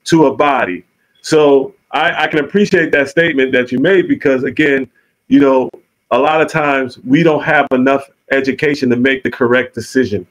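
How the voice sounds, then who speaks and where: A man's voice: mid-range voice, fairly even intonation, normal speed, low-quality recording. A man with a Southern US accent in a middle-range voice, co-hosting a podcast. He tells stories in an easygoing, affirming manner, speaking plainly and steadily. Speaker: podcast co-host. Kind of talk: casual podcast chat.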